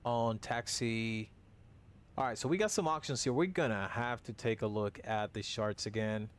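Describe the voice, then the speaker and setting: A man streams a flight simulator with casual, off-the-cuff commentary. His voice sits at a middle pitch as he talks himself through cockpit tasks in an informal way. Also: moderate pace, clear, resonant tone. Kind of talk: casual live gaming commentary.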